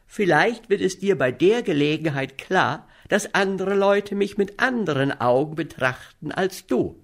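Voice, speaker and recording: Storybook young lady, bright and teasing, put on by a male reader, raised pitch. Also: animated, unhurried, heavily acted. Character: young woman, sweetly enthusiastic and teasing. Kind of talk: audiobook character voice.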